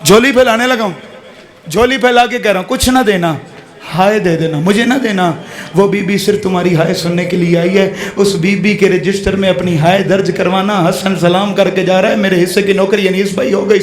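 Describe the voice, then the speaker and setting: A man's voice: high voice, steady tone, moderate pace, reverberant. A man with a Punjabi accent giving an impassioned mourning recitation at a religious gathering, crying out to the crowd and wailing. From Pakistan. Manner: emotional, calls out to the crowd, wailing cries. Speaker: zakir reciting at a majlis.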